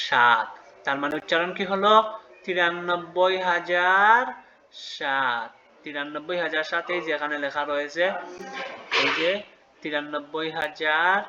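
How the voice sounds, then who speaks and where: A man's voice: a little high, pushed and bright, muffled recording. A man teaching a children's math lesson step by step, patiently asking questions and answering them himself.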